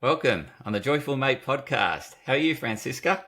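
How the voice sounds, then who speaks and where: A man's voice: mid-range voice, expressive, normal speed, music in the background. A man hosting a podcast interview, enthusiastic and rambling, often restarting his sentences. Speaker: podcast host. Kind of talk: podcast interview, scripted intro.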